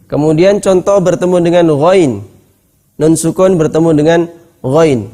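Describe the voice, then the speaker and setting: A man with an Indonesian accent teaching tajwid. He explains each rule and then recites the examples slowly, repeating them. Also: on the high side, warm tone. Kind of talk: tajwid lesson with chanted examples.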